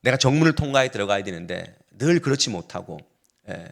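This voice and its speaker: A man's voice: on the low side, big pitch swings, quick pace, gravelly. A man, a pastor, preaching a sermon to his congregation in an explanatory way and putting questions to the listeners.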